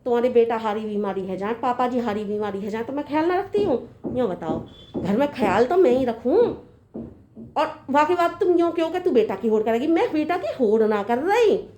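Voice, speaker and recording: A woman's voice: on the high side, dark tone, close to an everyday voice. Woman playing an earnest young daughter-in-law. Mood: pleading. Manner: earnest, lecturing, reasoning at length. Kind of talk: comedy sketch acting.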